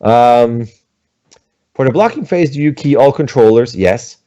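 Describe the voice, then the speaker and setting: A man's voice: mid-range voice, lively intonation, unhurried, warm tone, no echo. A middle-aged man from Switzerland, an animator chatting casually at home on a livestream and answering questions, rambling with many fillers. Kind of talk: livestream talk and Q&A.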